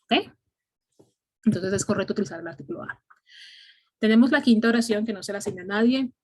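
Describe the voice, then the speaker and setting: Husky-voiced woman teaching English grammar. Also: mid-range voice, quick pace. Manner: patient, explains step by step, checks with "ok?". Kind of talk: online class explanation.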